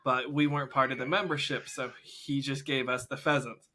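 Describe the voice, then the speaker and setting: A man's voice: mid-range voice, normal speed. A man co-hosting a podcast, telling a story in casual chat and laughing through it. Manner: laughs through his own story, animated. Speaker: podcast co-host.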